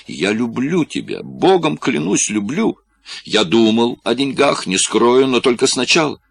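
A man voicing a trapped young man who begs and shouts in panic, in an audiobook reading. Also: mid-range voice, sing-song, very slow, vocal fry, slightly rough, no echo, voice pushed up, full character voice. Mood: desperate pleading. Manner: frantic pleading shouts.

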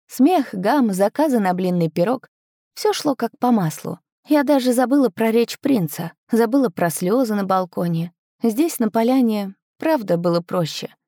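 A woman narrating a first-person audiobook story expressively, with her pitch swinging up on lively moments. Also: no room sound, clean studio sound.

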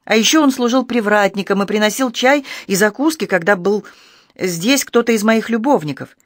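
A man voicing a proud, venomous young female courtesan who lashes out in shrill, scornful outbursts. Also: normal speed, fairly bright tone, dry recording, clean studio sound. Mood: contemptuous.

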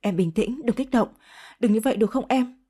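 A woman's voice: a little high, brisk, dark tone, husky. A woman voicing a young husband who stammers and tries to soothe. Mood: anxious. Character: anxious young husband, pleading and confused.

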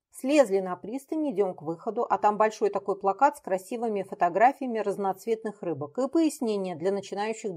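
A woman reading aloud and voicing a cheerful young woman who tells an amusing anecdote in a lively way. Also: medium pitch, lightly acted. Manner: lively, amused storytelling. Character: cheerful young woman telling a funny story.

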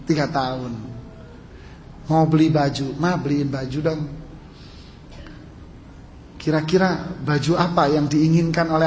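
A male Islamic preacher giving a sermon, telling stories and throwing rhetorical questions at his listeners. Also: on the high side. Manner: storytelling, rhetorical questions, addresses listeners as sir. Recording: echoey hall with long reverb, faint noise.

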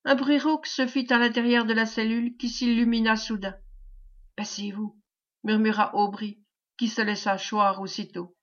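A woman reading a novel aloud in an audiobook, narrating in a measured, dramatic way. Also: fairly high pitch, level tone. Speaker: audiobook reader. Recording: dull lo-fi recording.

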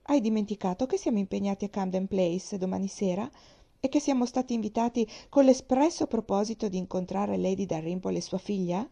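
A woman reading an audiobook who voices a fretful, excitable young wife, jumping up high in urgent, insistent exclamations. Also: moderate pace, creaky, slightly rough. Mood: indignant.

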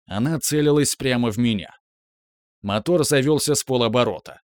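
A man reading a novel aloud in the first person, with steady, measured storytelling. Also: mid-range voice, no echo, studio quality. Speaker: audiobook narrator. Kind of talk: first-person audiobook narration.

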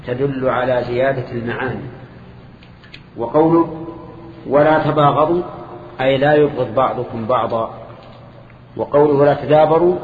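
A man, teaching a lesson that explains a hadith and putting questions to his students. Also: medium pitch. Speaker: Islamic scholar teaching. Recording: lo-fi recording in a reverberant hall with faint noise.

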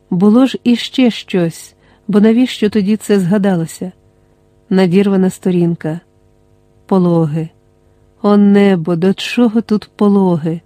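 An audiobook narrator reading a dramatic novel in a measured, dramatic way. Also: mid-range voice, mellow, no echo.

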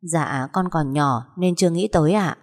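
A woman voicing a meek, polite eighteen-year-old girl who answers softly and submissively, with a long echoing reverb. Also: low voice, normal speed.

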